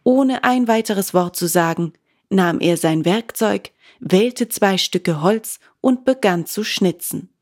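A woman reading a children's book aloud in a calm, measured way. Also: mid-range voice. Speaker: audiobook reader.

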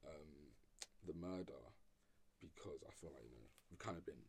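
A man's voice: a bass voice, animated, normal speed, darkish tone, husky. A young man with a London roadman accent, chatting in a slangy, emphatic way and repeating himself in a casual group discussion.

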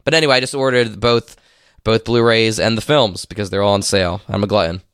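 A man's voice: lowish voice, fairly even intonation, a little fast, a bit bright, smooth, dry recording, clean studio sound. A man with a congested, nasal voice, slightly under the weather, hosting a casual podcast. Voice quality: stuffy-nosed, nasal. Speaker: podcast host. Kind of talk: casual podcast chat and episode recap.

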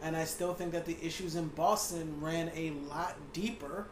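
High-voiced, blunt man on a podcast. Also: steady tone, normal speed. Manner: opinionated, blunt, swears freely. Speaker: podcast co-host. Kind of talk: casual sports chat. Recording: echoey room, faint background hiss.

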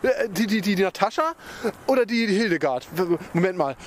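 A man's voice: sits high, animated, a little fast, a little hiss or hum. A man voicing a nosy, chatty male villager who rambles and stumbles over repeated words in an improvised audio story. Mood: gossipy.

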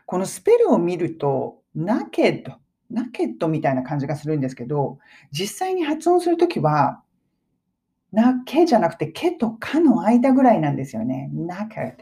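A woman in her forties, an English-teaching YouTuber, giving a chatty spoken lesson and sometimes dropping into soft asides. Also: lowish voice, huge pitch swings, normal speed.

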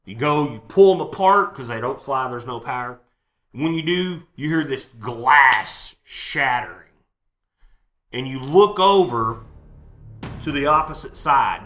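Male GM, bright-toned, steady scene-setting narration. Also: medium pitch, unhurried, echoey room, a little hiss or hum. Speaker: game master. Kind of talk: narrating a tabletop horror game.

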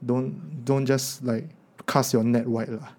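A university student in his twenties with a Singaporean accent gives casual advice on a podcast in colloquial Singlish, dropping particles like lah and meh. His medium-pitched voice is steady and a little mellow, and he takes it slowly.

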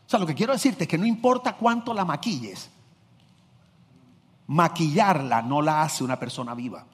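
A man with a fairly high, husky voice preaching a sermon. He swings from loud, driving emphasis to low, confiding asides and acts out little scenes as he goes. The sound carries a long church-hall reverb. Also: lively intonation, normal speed. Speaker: pastor.

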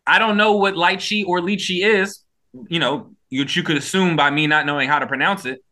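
A man co-hosting a casual podcast, laid-back and rambling, swearing casually and a bit high. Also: fairly quick, sharp tone. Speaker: podcast co-host.

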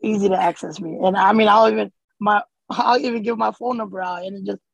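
A man's voice: sits high, fairly even intonation, a little fast, creaky, no echo, poor audio. A man born in Somalia and raised in the US, speaking as an interview guest in a casual, hesitant way with many fillers and restarts. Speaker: interview guest, community organizer.

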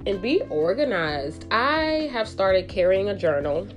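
A woman hosting a casual, chatty girl-talk show in an animated, informal way, congested with a cold so she sounds nasal, as if her nose is pinched shut. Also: medium pitch, a little slow, faint music behind. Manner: animated, informal girlfriend talk with emphatic repetition. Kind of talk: casual chatty monologue to listeners.

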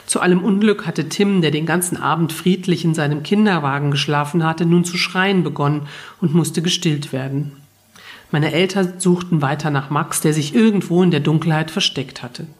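A woman narrating a first-person novel as an audiobook, telling it in a calm, even way. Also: deep voice, normal speed.

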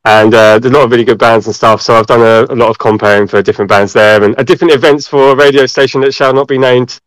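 A man's voice: medium pitch, steady tone, quick pace, no room sound, low-quality recording. A man from Southend with an Essex accent, chatting casually as an interview guest in a jokey, cheeky, slangy way. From Southend-on-Sea, Essex, England. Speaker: interview guest, event compère. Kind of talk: casual banter.

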